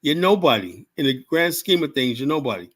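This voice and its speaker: A man's voice: on the high side, big pitch swings, brisk, husky. A man in his seventies talking casually on a livestream, rambling and blunt, swearing freely and tagging lines with "you know?". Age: 70s. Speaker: livestream host. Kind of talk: casual live-stream monologue.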